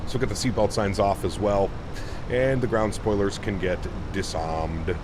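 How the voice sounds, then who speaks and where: A man hosting a casual flight-sim livestream, chatting in a laid-back way and making pilot callouts. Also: a little slow. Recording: loud steady aircraft cockpit rumble. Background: simulated jet engine and cockpit noise.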